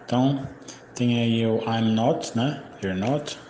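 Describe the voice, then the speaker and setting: A man's voice: medium pitch, slow pace, dark tone, a little hiss or hum. A man teaching a recorded grammar lesson, explaining step by step with frequent checking tags. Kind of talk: recorded English grammar lecture. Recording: echoey room with faint ambience.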